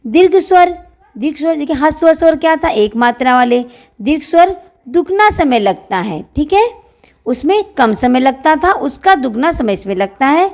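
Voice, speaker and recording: A woman's voice: high voice, very animated, a little mellow. A woman teaching a grammar lesson, asking questions and answering them herself, and drawing out vowel sounds to show them. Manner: drawn-out demonstration vowels. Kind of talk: classroom-style grammar lesson.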